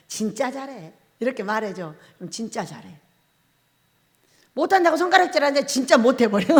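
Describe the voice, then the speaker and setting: A woman pastor preaching in a church, her voice riding high and swinging widely in pitch. She jokes and laughs often. A long reverb from the church hall hangs behind every phrase. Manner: acts out husband-and-wife dialogues. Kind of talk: sermon. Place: church sanctuary.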